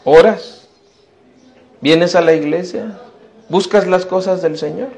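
A man's voice: sits high, takes it slowly, gravelly, darkish tone. A man, a pastor, preaching a sermon to young people in a church, emphatic and full of repeated rhetorical questions. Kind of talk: sermon to youth.

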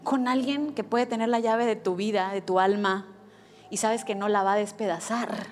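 A woman pastor preaching a sermon, telling a lively personal story and acting out quoted lines. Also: medium pitch, normal speed. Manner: animated storytelling with acted quotes.

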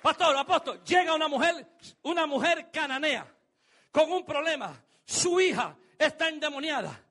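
A man preaching a dramatic sermon, acting out scenes and building to shouts. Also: very high voice, animated, moderate pace.

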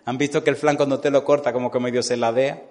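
A male preacher telling a story in a sermon, animated, who keeps asking his congregation to answer yes or no. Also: mid-range voice, quick pace. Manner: animated, repeatedly asks the congregation "sí o no".

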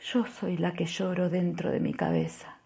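A woman doing a weary, hushed young pregnant woman. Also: fairly low pitch, very animated, vocal fry, husky, full character voice. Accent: Argentine Spanish. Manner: hushed, slow, half-whispered.

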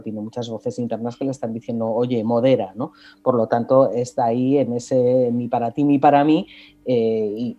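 A man's voice: mid-range voice, mellow. A man commenting casually on a talk show, with hesitations and fillers. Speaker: political commentator. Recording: dull lo-fi line.

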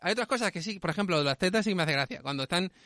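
A man chats casually about films in a high, fast voice. He is lively and acts out the lines he quotes. The sound is close and dry. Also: no echo. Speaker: podcast co-host. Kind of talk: casual film review chat.

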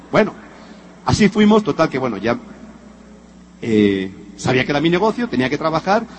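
Lively Spanish man telling a story. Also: sits high, a little hiss or hum. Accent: Spanish, from Spain. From Spain. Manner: animated storyteller acting out dialogue, addressing listeners directly. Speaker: motivational speaker. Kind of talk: storytelling talk to an audience.

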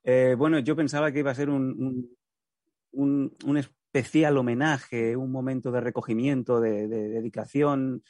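A man's voice: mid-range voice, fairly even intonation, normal speed, darkish tone, no echo. Guy from hosting a comedy bit, mid voice, rambly mock-serious, dry close mic. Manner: rambling, mock-solemn, full of fillers and restarts. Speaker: comedy show host. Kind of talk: casual comic banter.

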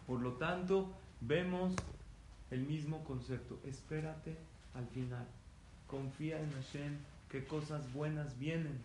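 A man's voice: fairly high pitch, slow. A man giving a religious lecture, telling stories with energy and putting questions to his audience. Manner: lively storytelling, asks the audience questions. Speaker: rabbi lecturer. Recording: roomy hall with faint noise.

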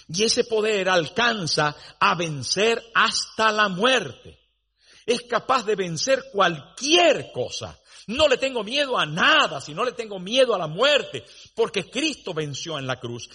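Emphatic high-voiced man preaching. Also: bright, forceful tone, husky. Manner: dramatic storytelling, rising to emphatic declarations. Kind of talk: sermon.

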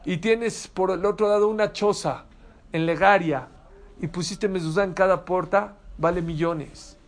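Rabbi preaching, high voice for a man, lively, keeps quizzing the room. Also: a little slow. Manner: animated, emphatic, asks the audience questions. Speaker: rabbi teaching a Torah class. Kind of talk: sermon.

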